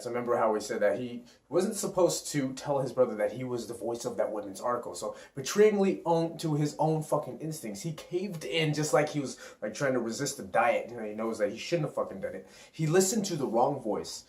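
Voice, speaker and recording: A man's voice: mid-range voice, darkish tone. A man who works as a self-awareness coach, talking in a rambling, profane, hyped-up motivational vlog. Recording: roomy echo.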